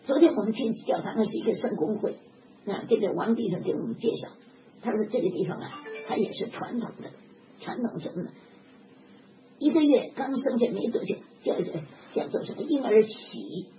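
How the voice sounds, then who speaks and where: An older woman preaching a sermon in an animated, emphatic way, often chuckling. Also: medium pitch, brisk. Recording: dull lo-fi recording with background noise.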